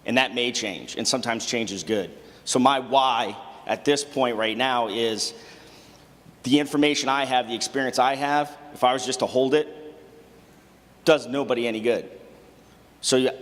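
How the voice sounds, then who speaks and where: Man from Boston, mid-pitched voice, self-introduction, hesitant with fillers, echoing room. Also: steady tone, moderate pace, fairly bright tone. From Boston, USA. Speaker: team member introducing himself. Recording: long reverb in a large room.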